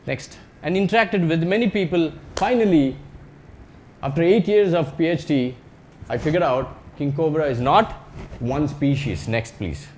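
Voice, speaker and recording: A man's voice: fairly high pitch, moderate pace, darkish tone. A man with an Indian accent tells anecdotes in a conversational, joking way as a researcher giving a public slide talk, in short phrases with tag questions. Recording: live talk with background noise.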